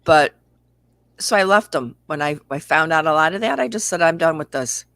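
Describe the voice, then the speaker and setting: A livestream host with a bright, forceful voice, talking in a candid, rambling way. The sound is dry and close, with no room around it. Viewer comments get read out between thoughts. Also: mid-range voice, animated, normal speed, no room sound. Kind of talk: casual spiritual chat.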